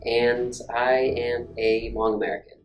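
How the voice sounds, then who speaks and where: A young adult student from Alaska giving reflective, pause-filled answers in a casual interview. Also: medium pitch, flat delivery, lo-fi sound. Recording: roomy and distant with soft guitar.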